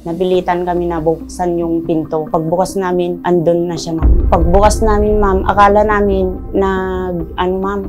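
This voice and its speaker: A woman with a low, level voice recounts what she found, step by step. She stays flat in tone, stumbling over fillers and adding "ma'am" to almost every phrase, with faint music behind her. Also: normal speed. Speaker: witness recounting finding the victim.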